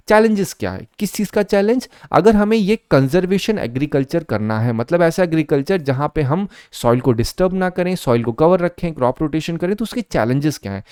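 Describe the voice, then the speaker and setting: A man gives an exam prep lesson in a smooth, resonant voice pitched a little high. He explains step by step and keeps quizzing his students, and he reads English exam questions out slowly. The sound is dry and close. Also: darkish tone, no room sound. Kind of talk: lecture.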